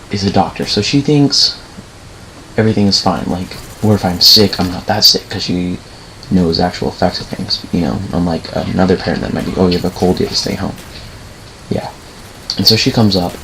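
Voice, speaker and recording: A man's voice: low-pitched, fairly bright tone, slight background noise, rough recording. A young man casually telling a rambling personal story over gameplay, often correcting himself and swearing now and then. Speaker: gaming channel host.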